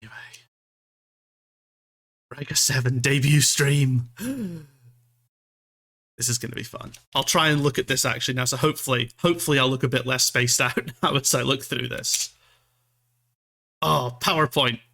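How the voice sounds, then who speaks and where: Bright-voiced man from Scotland, casual streamer. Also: mid-range voice, steady tone, normal speed, gravelly, pauses often. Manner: rambling, self-deprecating, swears casually. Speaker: streamer, VTuber. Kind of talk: casual livestream chat.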